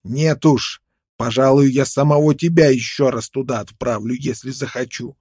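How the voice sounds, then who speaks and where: Man doing a menacing young frontiersman, snarling, contemptuous, dark tone, dry sound. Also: mid-range voice, fairly even intonation, normal speed, slightly rough, no room sound, lightly acted. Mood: threatening. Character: menacing young red-haired frontiersman with knife.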